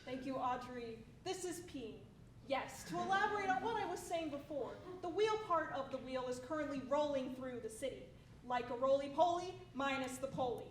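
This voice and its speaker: A woman's voice: high-pitched, animated, normal speed. A woman playing a dry, pedantic news field reporter in a comedy sketch. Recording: roomy, distant, noisy.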